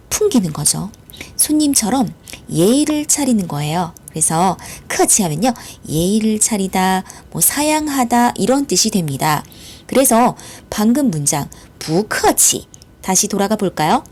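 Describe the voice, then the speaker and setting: A young adult woman teaching a school language lesson online, patient and clear, slowing down to model words. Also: medium pitch. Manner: patient, lively explaining with drawn-out model words.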